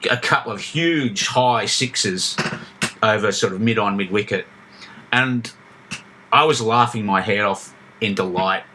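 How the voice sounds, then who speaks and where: A man's voice: fairly low pitch, pushed and bright, slight background noise. A man, co-hosting a casual podcast and telling stories with many restarts. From Australia. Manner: reminiscing, storytelling with frequent restarts. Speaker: podcast co-host. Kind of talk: casual chat.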